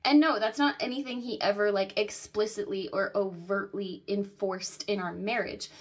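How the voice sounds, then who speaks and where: A Southern American woman in her thirties talks bluntly to the camera about her own life, swearing freely. Her voice is medium-pitched and steady, and she speaks at a moderate pace.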